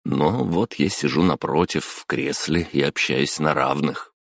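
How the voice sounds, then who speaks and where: A man narrating a first-person audiobook with steady, dramatic storytelling. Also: rumbling low, a little slow, vocal fry, no room sound, studio quality.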